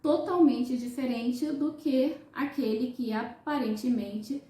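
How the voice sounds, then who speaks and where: A woman with a Brazilian accent teaches vocabulary at a deliberate pace, repeating each term carefully. Her voice is slightly high yet mellow. The sound carries the reverb of an echoey room. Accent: Brazilian Portuguese. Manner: slow, deliberate, repeats each word for clarity. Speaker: Spanish teacher. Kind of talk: lesson.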